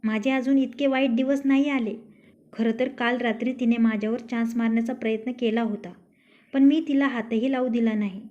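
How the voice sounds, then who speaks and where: A woman's voice: a little high, steady tone, fairly quick, darkish tone, lightly acted. A woman voicing a rude, arrogant young husband in a storybook tale, speaking in a taunting, scolding way. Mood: fond. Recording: dull lo-fi recording.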